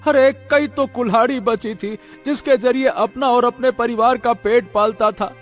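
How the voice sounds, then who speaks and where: A very high, slow-drawling cartoon woodcutter, greedy and excitable, played by a man. He exclaims at everything over faint music. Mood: despairing.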